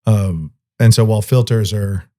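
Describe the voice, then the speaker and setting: A man's voice: on the low side, moderate pace, dark tone. A man co-hosting a podcast in casual chat, rambling and laughing often. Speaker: podcast co-host.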